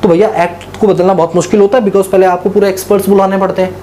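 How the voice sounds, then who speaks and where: Mellow-voiced male tax lecturer. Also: sits high, flat delivery, very fast, slight background noise. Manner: asks the class questions and answers them himself; mixes English terms into Hindi speech. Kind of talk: classroom lecture.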